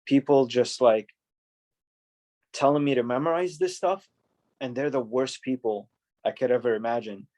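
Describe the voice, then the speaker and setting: A man's voice: mid-range voice, moderate pace, long pauses, a little mellow. Earnest man teaching on a video call. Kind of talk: class discussion on a video call.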